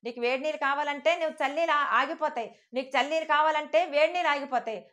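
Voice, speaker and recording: Lady preacher going fast and fired up, kinda high voice, acts out god talking back. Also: fairly bright tone. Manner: fervent, rapid preaching that acts out God's voice and believers' pleas. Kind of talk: sermon.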